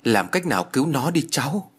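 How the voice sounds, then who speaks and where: A man's voice: medium pitch, big pitch swings, fairly quick, fairly bright tone, breathy edge, pitched above the performer's own voice. A man voicing an elderly, grieving mother who pleads and wails desperately in an audio story. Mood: distraught. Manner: wailing, desperate.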